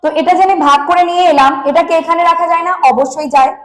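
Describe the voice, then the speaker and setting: A woman's voice: extremely high pitch, steady tone, rapid-fire, poor audio. A woman with a Bengali accent teaching an online exam-prep lesson, asking her students questions and then answering them herself, repeating her points with emphasis. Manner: repetitive, emphatic.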